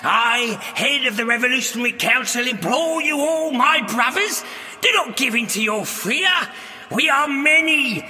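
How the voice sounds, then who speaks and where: An actor playing a scheming, pompous little goblin revolutionary in an audio drama. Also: male voice, extremely high pitch, animated, a little slow, sharp tone, long reverb tail, heavily acted. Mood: rousing, urgent. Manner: pompous, rabble-rousing oratory.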